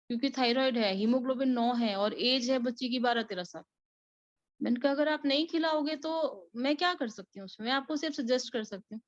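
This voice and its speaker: A woman's voice: on the high side, no echo. A woman who sells supplements gives a motivational talk about her experiences, telling stories in a chatty way and mixing in English words. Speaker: distributor sharing her experiences. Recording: dull, dry recording.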